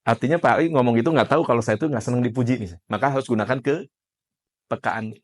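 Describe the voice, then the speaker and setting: Talking fast in a mid-range voice, an NLP trainer leads a conversational classroom lecture, calling on participants by name with questions and using everyday examples to explain.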